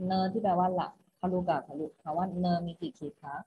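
Teaching online, this woman speaks fairly quickly in a lowish register with mostly even intonation. She goes over each instruction patiently more than once and ends every phrase with a polite particle, all captured on a muffled recording with a little noise.

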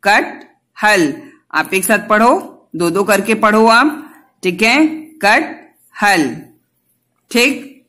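A woman's voice: medium pitch, a bit bright. A woman teacher giving a Hindi lesson to young children, patiently spelling out letters and answering her own questions. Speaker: kindergarten teacher.

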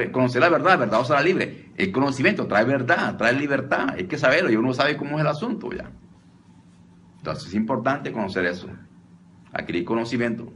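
A man's voice: medium pitch, fairly bright tone, a little hiss or hum. A man teaching on deliverance in an informal, conversational way, often repeating himself and calling his listeners brother. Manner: repetitive, addresses listeners as brother, frequent restarts. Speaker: deliverance preacher.

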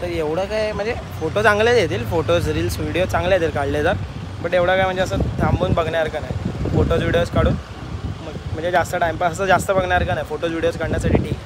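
A man's voice: a little high, steady tone, quick pace, very noisy. A young man in his twenties chatting casually to viewers in a travel vlog, filmed on a phone held at arm's length outdoors. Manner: chatty, addresses viewers as brothers. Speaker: vlogger. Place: outdoors on a roadside and at a cafe.

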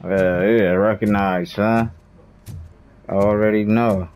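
A male gamer with a fairly low voice. He comments casually on his gameplay, talking in slang and swearing freely. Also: fairly even intonation, slow pace, darkish tone, faint music behind. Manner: slangy, profane.

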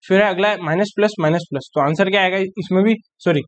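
A man teaching an exam-prep math lesson, working sums aloud and often checking whether students follow. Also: high voice. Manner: quick mental arithmetic aloud, frequent checking questions. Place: online class recording.

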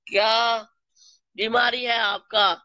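Pakistani woman streaming live, kinda hoarse w flu, higher voice, bright and sharp, reads out names slowly. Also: dry recording, dull audio. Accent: Pakistani Urdu. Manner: slow, greets viewers by name, playful scolding. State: hoarse from a flu and sore throat. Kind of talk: live stream, reading viewer comments.

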